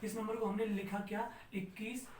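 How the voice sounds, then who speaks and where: A man's voice: high-pitched, normal speed. A man teaching an exam-prep math lesson step by step, asking his students questions and answering them himself. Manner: steady, step-by-step explaining. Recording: roomy sound, distant mic, faint noise.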